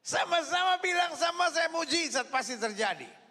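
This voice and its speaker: A man preaching a sermon as a pastor, shouting repeated lines and calling the congregation to answer back. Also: very high-pitched, expressive, normal speed, heavy background noise. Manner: preaching with shouted repetitions and crowd call-and-response. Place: large church auditorium. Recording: long reverb of a large hall.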